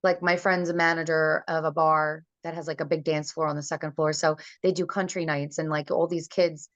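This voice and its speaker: A woman singer chats loosely in a remote interview, using lots of fillers, over a conference call whose audio keeps breaking up. Her voice is low-pitched and level, fairly quick and fairly bright, and the call sound is dull, lo-fi and dry with no echo.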